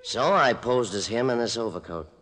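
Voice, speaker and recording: Smug gangster in heavy reverb. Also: male voice, mid-range voice, animated, moderate pace, a bit bright. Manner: smug, taunting. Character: smug, taunting male gangster gunman in plaid overcoat. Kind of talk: 1940s radio crime drama acting. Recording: reverberant old radio recording, music behind.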